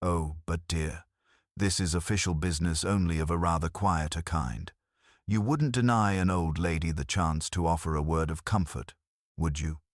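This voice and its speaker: A man reading a soft-spoken elderly lady sleuth. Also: low voice, fairly even intonation, normal speed, no echo, clean studio sound. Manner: soft, polite and probing.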